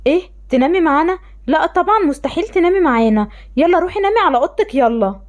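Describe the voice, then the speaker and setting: A woman's voice: very high voice, lively intonation, racing. A woman with an Egyptian accent voicing a cold, dismissive father in a voiced game-animation story, speaking in a scornful manner. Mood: harsh. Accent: Egyptian Arabic.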